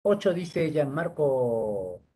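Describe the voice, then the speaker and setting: A man's voice: mid-range voice, very animated, very slow, mellow, slight background noise. A male teacher giving an online lesson on rules, patiently spelling words out syllable by syllable.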